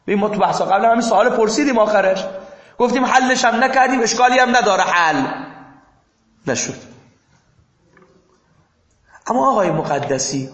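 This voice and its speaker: A man teaching a class in a lecture, moving between quiet asides and emphatic rising bursts. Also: high-pitched, echoey room, rough recording. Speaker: seminary teacher.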